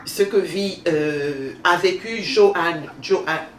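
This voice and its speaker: Lady book host w thin reedy nasally voice, stumbles n repeats herself, echoey room, bit of hiss. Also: fairly low pitch. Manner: halting, repeats phrases for emphasis. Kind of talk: unscripted book discussion. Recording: roomy echo, distant mic, faint noise.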